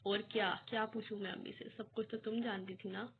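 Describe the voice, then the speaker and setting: A woman voicing an angry, possessive young man who shouts and accuses, in a flat, gravelly voice. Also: mid-range voice, lightly acted. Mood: furious. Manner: shouting, accusing, then pleading. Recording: tinny phone-like recording with faint hiss.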